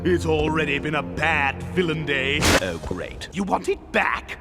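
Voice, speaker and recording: An actor voicing a pompous, scheming, short-tempered crocodilian king in a cartoon, with grandiloquent, theatrical delivery and drawn-out emphasis. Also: on the high side, very animated. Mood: exasperated. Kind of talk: theatrical cartoon villain acting. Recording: cartoon soundtrack with loud music behind.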